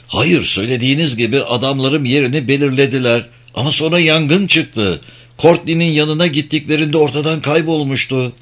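A man's voice: on the high side, brisk, fairly bright tone. A man doing a stern guard captain.

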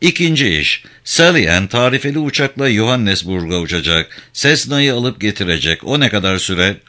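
A male narrator doing a driven, restless man laying out a plan in a spoken story. He keeps close to his own fairly low voice, with a bright, lively tone. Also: brisk. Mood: planning.

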